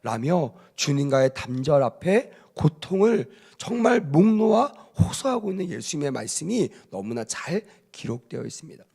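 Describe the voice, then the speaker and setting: A male pastor delivering a Good Friday sermon in a notably high voice. He preaches emphatically and often turns to the congregation with rhetorical questions and calls to respond. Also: very animated, normal speed, gravelly, few pauses, mellow, husky.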